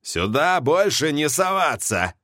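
A man's voice: on the high side, very animated, measured pace, a bit bright, dry recording, studio quality, voice pushed up. A man voicing a hostile elderly helicopter pilot who barks harsh orders. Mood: threatening.

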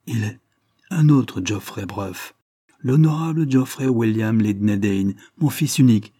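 A man voicing a grave, commanding aristocratic lord near death, who speaks in a measured, solemn way. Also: lowish voice, dark tone, breathy edge, dry recording, clean studio sound.

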